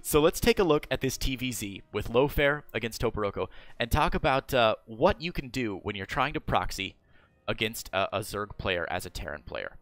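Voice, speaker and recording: A man's voice: medium pitch, expressive, normal speed, fairly bright tone, no room sound. An American man casting and coaching over a strategy game replay, asking his guest questions with plenty of fillers. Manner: asks questions, many fillers. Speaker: caster and coach. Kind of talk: casual game analysis commentary.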